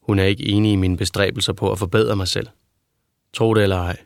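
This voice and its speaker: Low, slow, soothing young man, patient, persuasive, read by a male narrator, dry close mic. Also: little pitch movement, creaky, no room sound. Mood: calm.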